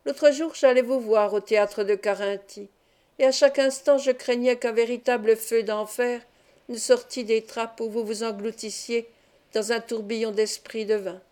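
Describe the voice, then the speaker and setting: Anxious pious young woman, pleading; a woman reader voices her. Audiobook, soft mellow tone. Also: a little high, steady tone, normal speed, close to an everyday voice. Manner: worried, pleading. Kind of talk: audiobook reading.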